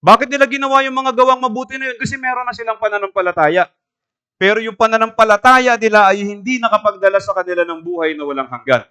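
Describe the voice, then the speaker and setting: A man's voice: high-pitched, quick pace, pushed and bright, clear, resonant tone. A man preaching a sermon in a church, asking the congregation questions and telling a homely story. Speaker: pastor.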